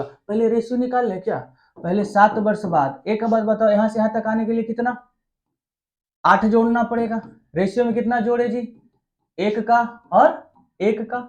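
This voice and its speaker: A man's voice: high voice, a little mellow. A man teaching an exam-prep math lesson. He keeps asking the class questions and answering them himself in a chatty, coaxing way.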